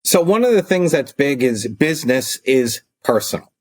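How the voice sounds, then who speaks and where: A man's voice: medium pitch, normal speed. A middle-aged man, an attorney turned coach, talking casually in a podcast interview and acting out calls and arguments as he tells stories. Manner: animated, acts out phone calls and arguments.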